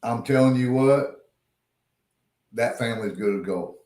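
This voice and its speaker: A man's voice: medium pitch, unhurried, darkish tone. A man co-hosting a live stream, speaking in a laid-back, earnest way. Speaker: co-host. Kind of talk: casual live-stream chat. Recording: echoey room.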